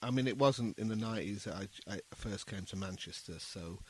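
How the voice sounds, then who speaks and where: This middle-aged man, a saxophone busker appearing as a musician guest, talks casually in an interview with a low, husky voice at a brisk clip. He's earnest and repeats words as he warms up.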